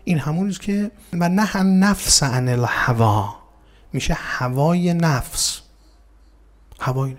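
A man with a slightly high, slightly mellow voice gives an explanatory religious talk as a lecturer. He poses rhetorical questions, answers them himself, and addresses his listeners politely.

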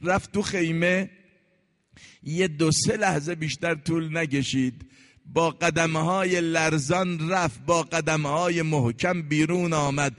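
A man giving an impassioned religious sermon, telling a story and chanting verse slowly, moving between hushed and loud passages. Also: a little high. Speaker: preacher. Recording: long reverb in a large hall.

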